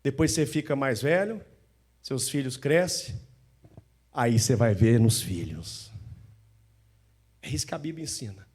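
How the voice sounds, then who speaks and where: A man preaching a sermon as pastor in a church, animated, often acting out the voices of the people he describes. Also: medium pitch, a little slow, long pauses, slightly rough.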